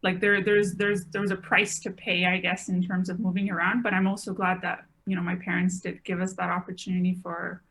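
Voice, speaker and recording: A woman's voice: fairly low pitch, level tone, a little fast, few pauses, fairly bright tone. A woman in her twenties, a podcast guest, talking casually and rambling a little with lots of filler words. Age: 20s. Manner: chatty, rambling, many "like" fillers. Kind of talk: casual conversation.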